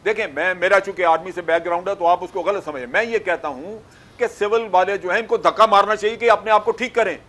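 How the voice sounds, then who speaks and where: A man's voice: sits high, fast talker, a bit bright. A man from Pakistan with an army background, a talk show panel guest who cuts in with blunt, combative objections. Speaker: panel guest, retired general.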